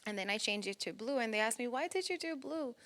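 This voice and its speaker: A woman's voice: on the high side, expressive, fast talker, fairly bright tone. A young woman from the Dominican Republic, a singer guest in a casual interview, bubbly and laughing often, with many fillers.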